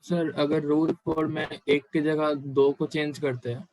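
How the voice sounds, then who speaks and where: A young man in class speaks up to ask his teacher a question, calling him sir. His voice sits slightly high and stays flat and even. He is heard from across the room. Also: a little slow, rough recording. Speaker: student.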